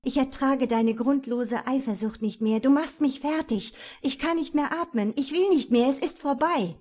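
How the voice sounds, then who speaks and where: A frightened young woman pleads in a raised, strained and breathless voice, as the narrator plays her. The voice is higher and louder than the narration, with a husky grain. This is an audiobook thriller, read aloud. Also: normal speed. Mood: desperate.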